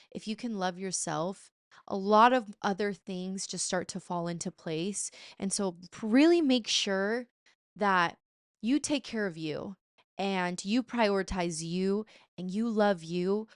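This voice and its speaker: With a smooth, medium-pitched voice, a podcast host in her twenties keeps things casual and playful, tossing in slang asides. The recording is dry and studio quality.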